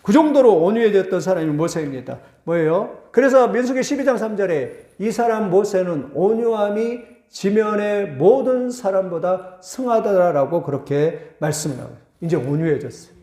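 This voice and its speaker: A middle-aged male pastor preaching with a high voice that carries through an echoey church hall. He builds to sudden rising bursts and slows down for scripture, speaking to a congregation. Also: lively intonation, mellow. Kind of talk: sermon.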